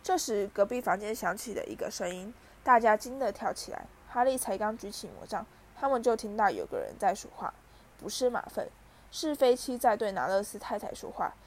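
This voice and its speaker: A woman's voice: medium pitch, a little fast, a little hiss or hum. Woman narrating a storybook. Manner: lively, voices the characters. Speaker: audiobook reader.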